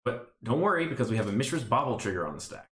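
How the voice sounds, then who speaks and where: A man's voice: mid-range voice, very animated, racing, a bit bright, roomy sound. A man streaming a card game, thinking aloud in casual play-by-play commentary with rambling, self-mocking asides. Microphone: desk stream mic.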